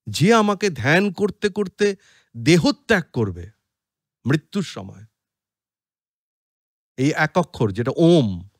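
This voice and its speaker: Bengali man, spiritual podcast talk, very slow and measured, animated pitch, dry close sound. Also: dry recording. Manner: slow, deliberate, chanting Sanskrit verses. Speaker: podcast speaker on scripture.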